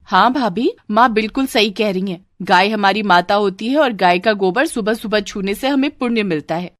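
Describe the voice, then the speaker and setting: A woman's voice: medium pitch, normal speed, no room sound, clean studio sound, lightly acted. A woman voicing an eager, meddling young sister-in-law who takes her mother's side. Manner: eager, tattling. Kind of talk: Hindi storybook voice acting.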